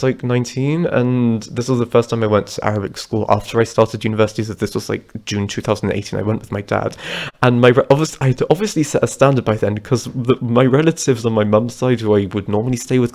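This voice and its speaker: Talking to camera, a man from Britain in his 20s rambles through personal stories in a loose, conversational vlog style. He has a medium-pitched, darkish voice.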